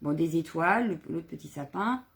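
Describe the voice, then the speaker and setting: A woman's voice: low voice, lively intonation, normal speed. A woman chatting casually on a live craft video, showing her stamps and stencils, rambling with fillers and self-corrections. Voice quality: husky, gravelly.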